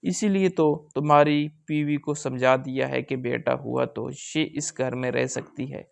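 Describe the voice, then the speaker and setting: A cruel, domineering older mother-in-law who issues threats, as a male narrator puts her on. His voice stays gravelly and resonant, at a middle pitch. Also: fairly even intonation. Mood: threatening.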